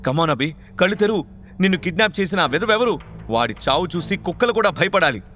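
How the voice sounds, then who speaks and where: A man's voice: medium pitch, expressive, a little fast, fairly bright tone, faint music behind, natural voice. A man voicing a hot-tempered, protective powerful man who fires off urgent questions in a raised voice. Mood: furious.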